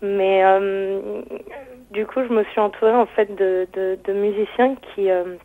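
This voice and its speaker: A woman's voice: medium pitch, flat delivery, measured pace, no echo. A woman with a thin, tender, slightly retro voice and rolled R's, answering casually and hesitantly as a radio interview guest. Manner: rolls her R's; hesitant, searching, frequent repetitions. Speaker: singer interviewed as phone-in guest. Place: on a phone call to radio. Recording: band-limited telephone line, dry.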